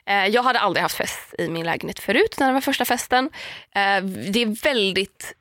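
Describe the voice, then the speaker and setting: A young woman casually telling a story on a podcast, lively, with many fillers and acted-out quotes. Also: medium pitch, dry recording, clean studio sound.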